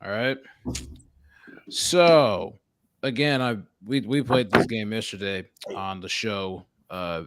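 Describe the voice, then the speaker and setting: A man's voice: lowish voice, takes it slowly, a bit bright, clean tone, no echo, studio quality. A man hosting a casual sports talk show, leading the talk and quizzing his co-hosts in a joking way. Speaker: podcast host.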